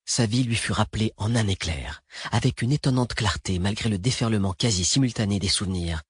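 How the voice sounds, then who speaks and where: Husky low-voiced male audiobook narrator. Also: a little fast, no room sound. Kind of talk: scripted narration of a thriller. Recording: dry close recording.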